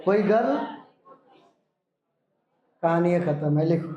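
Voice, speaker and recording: A male teacher giving a classroom grammar lesson, dictating sentences slowly and giving firm instructions to students. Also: high voice, lively intonation, dark tone, muffled recording. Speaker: English teacher. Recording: echoey classroom.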